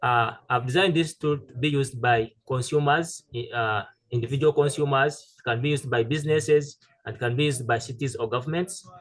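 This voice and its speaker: A man giving a halting technical presentation over a video call, with many fillers and restarts. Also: mid-range voice. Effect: heard over a video call. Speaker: presenter pitching a solar tool.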